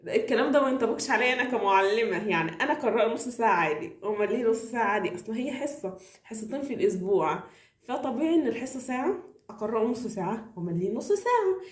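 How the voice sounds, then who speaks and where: A woman with an Egyptian accent who teaches reading, giving tips to parents and drilling with quick repeated questions. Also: fairly high pitch, lively intonation, echoey room. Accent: Egyptian Arabic.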